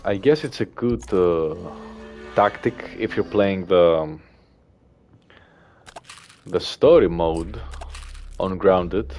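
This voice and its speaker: A Greek man with a Greek accent chats casually with his livestream viewers as he plays, reading out their messages. His voice sits low and he speaks slowly, with long pauses, over soft background music. He sounds relaxed and hesitant, filling gaps with fillers and soft laughs.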